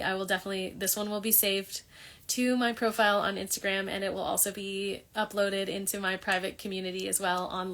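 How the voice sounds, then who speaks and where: Female wellness host, casual rambling delivery, mid pitch, chatty to camera. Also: fairly bright tone. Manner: loose, rambling, with many restarts and fillers. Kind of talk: casual monologue on yoga.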